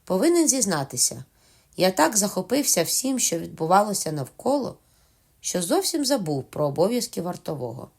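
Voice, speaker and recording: A woman narrating a novel as an audiobook in a calm, measured reading. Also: mid-range voice, creaky.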